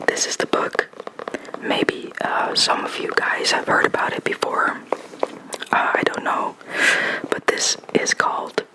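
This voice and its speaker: This is an ASMR host leaning into a microphone that has a sock stretched over it. The voice stays in a breathy whisper that now and then lifts into soft speech. The talk rambles, giggles and stumbles over its own words. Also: measured pace, long pauses, poor audio. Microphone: close microphone covered with a sock.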